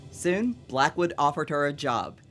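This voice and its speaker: A woman reading scripted documentary narration in a measured, even way. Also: sits low. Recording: music bed under narration.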